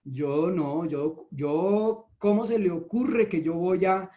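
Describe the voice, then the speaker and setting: A man's voice: high-pitched, slow pace, warm tone, highs cut off. A man voicing a king's vain favored wife, who stammers out a refusal to die with him. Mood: flustered.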